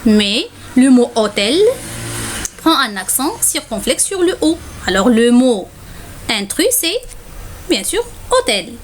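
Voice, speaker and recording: A woman's voice: fairly high pitch, sing-song, slow pace, a little hiss or hum. A woman teacher giving a spelling lesson, dictating single words with care and saying "alors" often. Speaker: French teacher.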